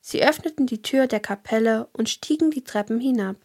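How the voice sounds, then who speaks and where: A woman reads a children's story aloud with a calm, clear delivery. Her voice sits somewhat high. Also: fairly quick. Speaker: narrator. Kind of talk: scripted children's story narration.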